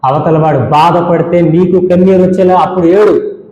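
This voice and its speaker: A man's voice: high voice, steady tone, normal speed, warm tone. A male pastor preaching a sermon, scolding his congregation with rhetorical questions and repeated lists. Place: church hall. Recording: dull echoey church hall with long reverb.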